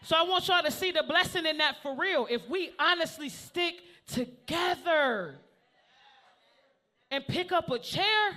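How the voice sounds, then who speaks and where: A man in his thirties doing a loud, profane stand-up set on a comedy club stage, constantly calling out to the crowd. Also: very high voice, animated, measured pace.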